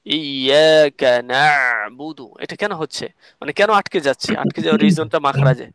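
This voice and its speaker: A man's voice: on the high side, quick pace, gravelly, fairly bright tone. A man teaching an online Quran recitation class, explaining patiently step by step and quizzing his students. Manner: asks students questions to check understanding.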